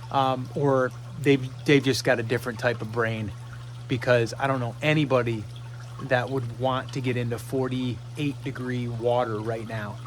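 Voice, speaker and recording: A man with a mid-pitched voice talks casually to his camera outdoors. He sounds hesitant and reluctant, with faint hum and trickling water behind him. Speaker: vlogger. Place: outdoors beside a cold plunge barrel.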